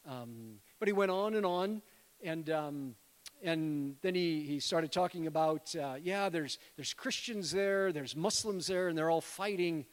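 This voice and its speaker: Middle-aged male preacher, high voice, conversational sermon, long church reverb. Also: unhurried. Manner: conversational, addresses congregation as friends. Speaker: guest preacher, missionary. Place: church sanctuary.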